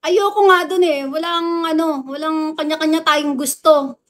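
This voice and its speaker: Feisty high-voiced woman livestreamer. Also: fairly even intonation, moderate pace, a bit bright. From Philippines. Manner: blunt and feisty, scolds commenters, laughs often. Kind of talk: casual livestream chat reading viewer comments. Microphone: phone livestream mic.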